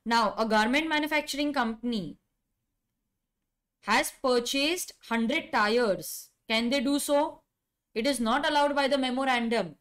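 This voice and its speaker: High-pitched Indian woman teaching a class. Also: measured pace, a bit bright. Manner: emphatic, repeats key phrases. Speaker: law teacher. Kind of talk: live online lecture with direct questions to students.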